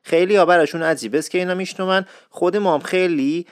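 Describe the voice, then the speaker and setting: A man with an Isfahani Persian accent hosts a chatty, teasing monologue. His voice sits a little higher than most men's. The sound is dry and close. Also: dry recording. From Isfahan, Iran. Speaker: host. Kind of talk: casual explanatory monologue.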